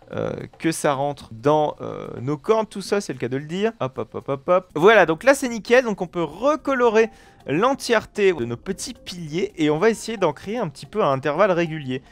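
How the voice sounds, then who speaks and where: A man's voice: a little high, big pitch swings, moderate pace. A man giving casual let's play commentary as he builds in a game, narrating every step and dropping playful little sound effects. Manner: chatty, self-narrating, fills with "voilà" and playful "hop hop" and "bam" sounds. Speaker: gaming video creator.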